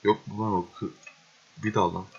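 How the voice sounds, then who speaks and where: A young man talks over his gameplay in a low, husky voice. He swears often, gets exasperated and breaks into excitable outbursts. The recording sounds dull and lo-fi. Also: a little fast. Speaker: gaming video host. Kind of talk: casual gameplay commentary.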